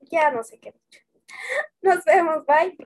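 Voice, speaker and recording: A woman's voice: extremely high pitch, unhurried, a little mellow. A woman hosting a podcast, talking in a casual, conversational way. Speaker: podcast host.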